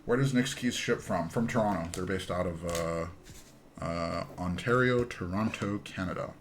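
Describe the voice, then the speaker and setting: This casual live stream features a man in his thirties building a keyboard and drifting through stories that fade out and pick back up. He has a deep voice at a moderate pace, and there's a faint hiss or hum.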